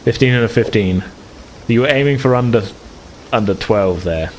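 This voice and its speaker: At a medium pitch and moderate pace, a man acts as game master for a tabletop game, improvising scenes and often hunting for words. The low-quality recording has clear background noise.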